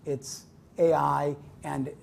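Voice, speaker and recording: A man explaining things as an academic panelist in halting, emphatic phrases. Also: fairly high pitch, flat delivery, creaky. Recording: live panel with background noise.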